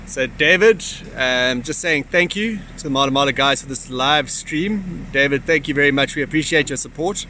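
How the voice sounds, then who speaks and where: Man, livestream co-host, bright tone, casual, hesitant, appreciative, faint outdoor background noise. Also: mid-range voice, normal speed, hardly any pauses. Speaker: livestream co-host behind the camera. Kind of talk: casual chat to livestream viewers.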